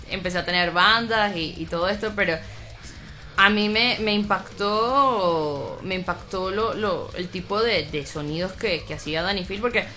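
Woman from Venezuela, bright voice, casual interview talk, reflective, restarts often. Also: medium pitch, a little slow, a little hiss or hum. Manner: reflective, many restarts and fillers. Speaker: metal band vocalist, guest.

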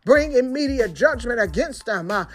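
A woman's voice: a little high, lively intonation, moderate pace, faint music behind. A woman leading a fervent spoken prayer in a chanting cadence, starting many phrases with "uh". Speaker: prayer leader.

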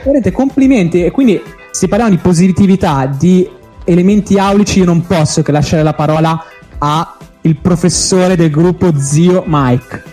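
A man with a high yet very mellow, soft-edged voice hosts a casual podcast chat. Faint music plays behind him. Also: normal speed. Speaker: podcast host.

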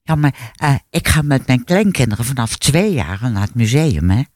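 A woman's voice: a bass voice, lively intonation, normal speed, a little mellow, no echo, clean studio sound. A woman in her seventies, a guest on a radio show, agreeing often and reflecting on her youth. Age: 70s. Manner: agreeable, many short "ja" replies, reflective. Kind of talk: casual radio chat.

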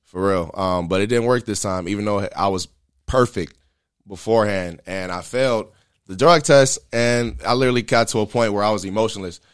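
Man, lowish voice, casual interview guest, candid, earnest, slangy, lots of fillers. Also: brisk, smooth. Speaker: guest telling a personal story. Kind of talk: casual conversational storytelling.

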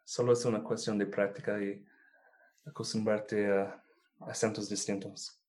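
Easygoing man in relaxed chat. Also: lowish voice, a little slow. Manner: relaxed, easygoing, with frequent filler words. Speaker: conversation partner. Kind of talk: casual chat.

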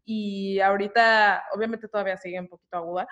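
A woman co-hosts a podcast in a loose, casual tone. She drops playful, teasing remarks into the conversation. Her voice sits at a middle pitch for a woman. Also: steady tone, quick pace, a bit bright, dull audio. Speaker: podcast co-host. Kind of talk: casual chat.

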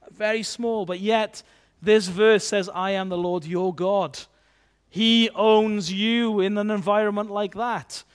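A man preaching a sermon in a chatty, conversational way, often adding tag questions. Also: high voice.

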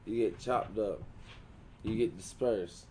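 A man's voice: on the low side, slow, darkish tone, slight background noise. A man co-hosting a casual podcast, joking, swearing and slipping into goofy voices. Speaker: podcast co-host. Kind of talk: rowdy casual chat.

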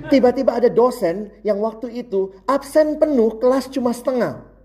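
A man's voice: very high voice, moderate pace. A young adult man preaching a sermon, telling stories with energy and acting out his friends' lines. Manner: lively storytelling, acts out quoted friends, laughs along.

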